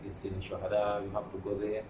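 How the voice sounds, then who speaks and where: A man from Malawi answers interview questions in a measured, explanatory way, pausing often. His voice sits low. He is heard from a distance in an echoey room with clear background noise. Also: monotone. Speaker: union secretary general. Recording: roomy, distant mic with noise.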